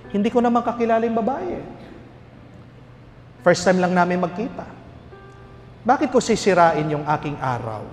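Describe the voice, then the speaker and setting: A man, a priest, giving a lively homily full of stories, jokes and rhetorical questions. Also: on the high side. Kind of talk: homily with storytelling. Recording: reverberant hall with faint music.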